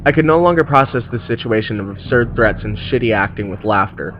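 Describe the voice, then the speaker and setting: A man reading a horror story aloud in measured scripted narration. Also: medium pitch, animated, muffled recording, noisy background.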